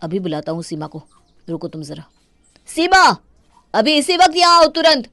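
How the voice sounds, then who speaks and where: A hot-tempered young husband. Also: female voice, deep voice, little pitch movement, a little fast, creaky, warm tone, husky, no room sound, clean studio sound, exaggerated voice. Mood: reassuring. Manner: scolding, raises voice at wife. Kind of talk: animated story voice acting.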